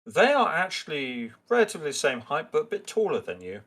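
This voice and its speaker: A man narrating a tabletop game as game master, in a halting, improvised way, often thinking aloud. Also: on the high side, wildly swooping pitch, a bit bright.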